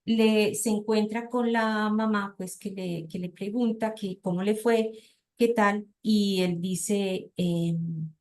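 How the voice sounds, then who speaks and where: A woman's voice: medium pitch, steady tone, slow, darkish tone. A woman with a Colombian accent giving a seminar lecture, reading passages aloud and often checking in with her listeners. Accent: Colombian Spanish. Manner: diminutives, frequent checking questions.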